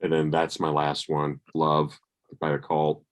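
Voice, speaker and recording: A man's voice: a bass voice, monotone, a little slow. A man co-hosting a casual music podcast, telling rambling anecdotes and swearing casually. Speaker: podcast co-host. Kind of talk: casual chat.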